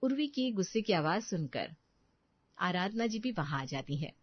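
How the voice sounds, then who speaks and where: A woman's voice: lowish voice, big pitch swings, moderate pace, breathy edge, dry recording. A woman narrating a domestic story in a plain storytelling manner, recorded dull and dry.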